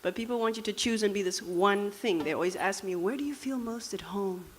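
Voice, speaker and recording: A young Namibian woman with a Dutch accent gives a reflective, conversational personal talk full of fillers. Her voice sits at medium pitch and moves a little fast, with a slight hiss or hum in the recording.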